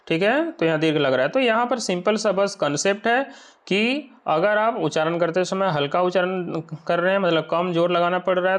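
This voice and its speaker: A man teaching an exam-prep lesson, explaining step by step and often asking whether the point is clear. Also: sits high. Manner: explains slowly, checks understanding with rhetorical questions.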